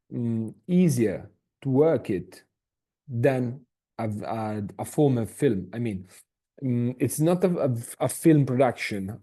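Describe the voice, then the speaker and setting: Mellow-voiced man, halting explanation. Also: mid-range voice. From Italy. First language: Italian. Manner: hesitant, many fillers and restarts, tags with "okay?". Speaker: masterclass speaker. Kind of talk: masterclass talk.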